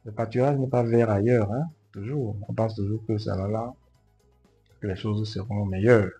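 Husky, dark-voiced middle-aged man. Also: fairly low pitch, steady tone, normal speed, soft background music. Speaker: interviewee. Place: indoors, office. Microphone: lapel.

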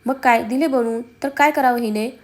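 A woman's voice: fairly high pitch, brisk, lightly acted. A woman voicing a young husband in a storybook, fond and teasing but easily exasperated.

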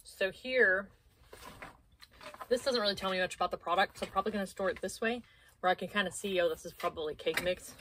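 A prepper vlogger in her thirties speaks a little fast in a mid-range voice, casually and practically talking through how she organizes her small home pantry. A camera on a low shelf a few feet away captures her over a noisy background.

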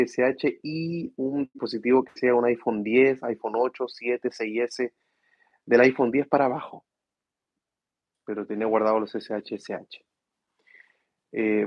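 A tired man, hosting a casual tech livestream from home and speaking softly so his sleeping kids don't wake. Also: mid-range voice, no room sound, muffled recording. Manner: speaks softly to avoid waking his children. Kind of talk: casual live chat reading viewer questions. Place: room at home at night.

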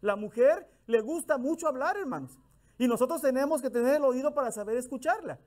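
A man's voice: very high-pitched, lively intonation, fairly quick, a little mellow. A middle-aged male minister, giving a folksy, conversational sermon with acted-out bits of dialogue.

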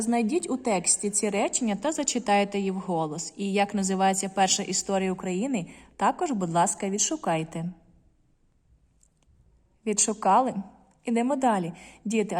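A woman teacher giving a recorded reading lesson to children, reading words slowly and carefully with clear stress. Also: medium pitch, a little mellow, long reverb tail. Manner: slow careful word-by-word reading, stressing syllables.

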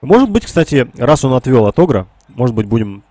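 Nasal and congested from a cold, a game streamer offers casual live commentary on a strategy game, working through ideas aloud for his chat. His medium-pitched, darkish voice has a sing-song lilt, runs a little fast, and is recorded without echo.

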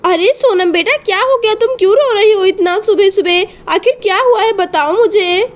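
A woman voices a kind village mother in a doll storybook tale. She speaks gently and patiently, and her voice is very high. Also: moderate pace. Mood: caring. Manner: gentle, soothing, advising.

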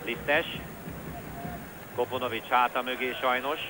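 A man's voice: mid-range voice, fairly even intonation. A man giving live football commentary in a conversational way, with clipped calls of players' names. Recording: noisy old TV broadcast, stadium ambience. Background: stadium crowd noise.

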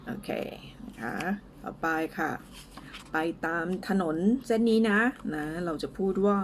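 A Thai woman teaching English in a casual lesson, speaking slowly and carefully as she drills pronunciation, with a few fillers. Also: lowish voice, animated, slight background noise.

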